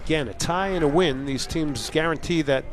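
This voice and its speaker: Male play-by-play soccer commentator, fairly high voice, outdoor stadium ambience behind him. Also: normal speed, a little hiss or hum.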